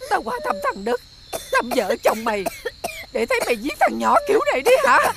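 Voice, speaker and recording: A woman's voice: high-pitched, wildly swooping pitch, brisk, vocal fry, very noisy, heavily acted. An actress playing an older grandmother, scolding her son in outrage, in a TV drama. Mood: outraged. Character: horrified, furious old grandmother protecting a grandchild. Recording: loud background score.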